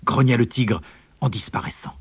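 A man narrating a storybook in a measured, expressive way. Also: mid-range voice, husky.

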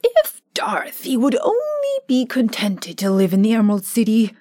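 A woman's voice: fairly high pitch, huge pitch swings, normal speed, warm tone. A woman doing a cheerful scarecrow ruler. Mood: earnest.

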